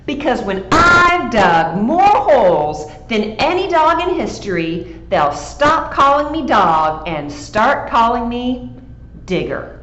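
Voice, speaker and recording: A woman's voice: on the high side, big pitch swings, takes it slowly, fairly bright tone, full character voice. A woman voicing a glum male pet dog who wants a proper name, speaking earnestly and plaintively in an echoey, dull-sounding recording. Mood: determined. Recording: echoey, dull, faint background hiss.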